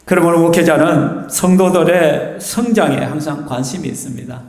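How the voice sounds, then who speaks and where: A man's voice: a little high, normal speed. A male pastor with a Gyeongsang Korean accent preaching a sermon in a church, chatty and often asking the congregation questions. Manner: lively, conversational, asks the congregation questions. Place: church sanctuary. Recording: reverberant church hall.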